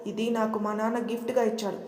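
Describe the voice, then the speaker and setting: A woman's voice: fairly high pitch, flat delivery, fast, darkish tone, close to an everyday voice. A woman voicing a feisty young sister who argues back angrily. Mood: angry. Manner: angry, combative. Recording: echoey room.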